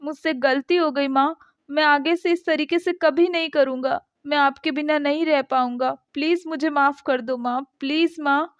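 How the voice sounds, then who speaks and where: A woman's voice: high voice, fairly even intonation, moderate pace, no room sound, natural voice. A woman voicing a tearful pleading grown son. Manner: tearful, begging. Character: grieving middle-aged son pleading with his mother. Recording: dull dry lo-fi sound.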